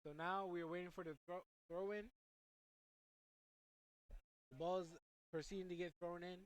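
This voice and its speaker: Smooth audio with no room sound captures a high school teenager commentating on a soccer match at normal speed. He's excitable and breathless, wandering into asides for whoever's listening.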